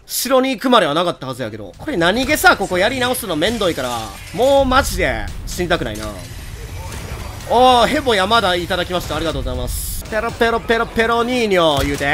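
A young man with a Kansai accent giving excitable, joking commentary on a game he is playing, with loud outbursts. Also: high-pitched. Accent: Kansai Japanese. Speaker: gameplay commentator.

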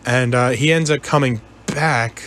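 A medium-pitched, slightly bright man speaks at a measured pace, a little hiss or hum audible. As a gaming video narrator sharing a personal story, he talks casually and ramblingly, often hesitating and repeating himself while quoting dialogue.

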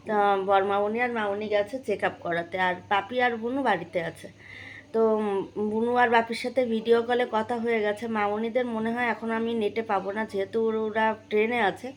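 A woman's voice: a little high, a little hiss or hum, poor audio. A young woman from West Bengal, chatting casually to her viewers in a vlog, with many fillers and restarts. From West Bengal, India. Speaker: vlogger.

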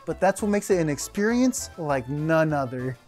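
Lively young man gushing about food. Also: fairly high pitch, normal speed, soft background music. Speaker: sketch comedy actor. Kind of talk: comedic sketch explaining a dish.

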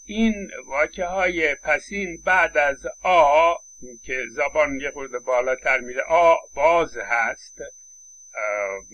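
Bright-voiced man lecturing on phonetics. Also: on the high side, highs cut off. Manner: explanatory, with frequent hesitation fillers; models vowel sounds and example words aloud. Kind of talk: university lecture.

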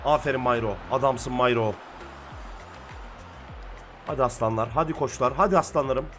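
Excitable man calling a football match. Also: medium pitch, moderate pace, soft background music. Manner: shouts encouragement at his players, calls play-by-play. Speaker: gaming streamer. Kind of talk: excited football game commentary.

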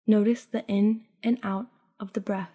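Woman, sleep story narrator, mellow dark tone, soft breathy endings, calm guided meditation, long reverb. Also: medium pitch, a little slow.

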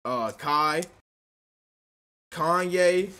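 A young man with a high, light voice, chatting loosely with his stream audience from a small bedroom. He reacts loud and joking, calling out to chat between laughs. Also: drawn-out words, clear, resonant tone. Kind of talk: casual live-stream commentary.

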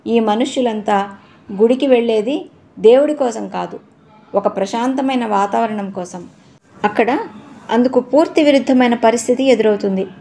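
A cheerful young man chats in a breezy, opinionated way, voiced by a woman narrator. The voice stays fairly high. It is a spoken storybook reading. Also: warm tone, lightly acted.

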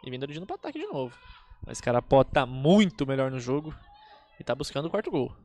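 A man's voice: medium pitch, huge pitch swings, fast, a little mellow. A man with a Brazilian accent calling a football match live in an informal, colloquial way. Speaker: football play-by-play commentator.

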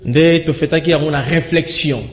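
A young Kinshasa resident with a Congolese accent appears as a guest on a TV studio set with a screen backdrop, mixing French and Lingala in an animated interview. His voice is high, and at a moderate pace he talks in lively bursts, gesturing and often restarting sentences.

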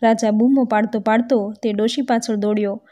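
A woman narrating a folk tale in a steady, read-aloud storytelling manner. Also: fairly high pitch, moderate pace.

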